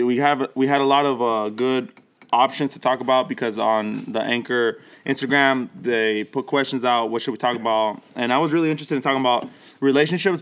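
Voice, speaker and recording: A man's voice: mid-range voice, fairly bright tone. Laid-back young man hosting a podcast. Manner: laid-back, hesitant, many fillers and restarts. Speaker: podcast host and pastor. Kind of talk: casual chat. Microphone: studio microphone.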